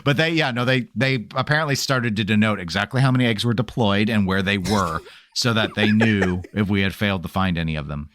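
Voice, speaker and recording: A man's voice: on the low side, a little fast, few pauses, a bit bright, a little hiss or hum. A man co-hosting a casual podcast chat, wry and chuckling as he rambles through stories. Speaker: podcast co-host.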